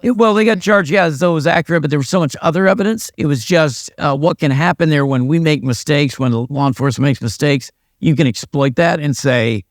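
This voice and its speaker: A man's voice: on the high side, a little fast, few pauses, no room sound, studio quality. An older American man, a retired police sergeant and pastor, telling stories in a casual interview with a wry, self-deprecating manner. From United States.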